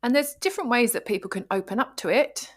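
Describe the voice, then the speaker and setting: A woman's voice: fairly high pitch, quick pace. A British woman co-hosting a podcast, leading a casual, playful chat and asking her co-host questions. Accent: British English. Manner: lively, playful, asks questions.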